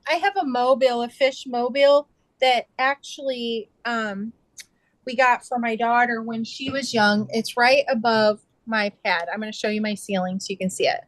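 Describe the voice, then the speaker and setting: A woman's voice: a little high, steady tone, normal speed, dry recording, low-quality recording. Chatty middle-aged woman, dry sound. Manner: rambling storyteller, many fillers and restarts. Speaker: quilter sharing her sewing. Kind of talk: casual chat.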